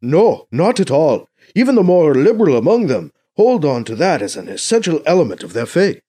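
In an audiobook, a male narrator voices a cautious, exasperated church negotiator who argues earnestly and with measure. His pitch swings widely and expressively, and his dark tone has a slight roughness.

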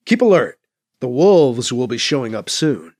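A man voicing a steady, cautious male commander who speaks in a measured, stern way. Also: medium pitch, no room sound, clean studio sound.

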